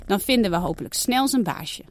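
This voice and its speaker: A woman voicing a kind but firm mother in a read-aloud storybook, speaking calmly and warmly to her daughters. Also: mid-range voice, a little fast, slight background noise, lightly acted. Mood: motherly.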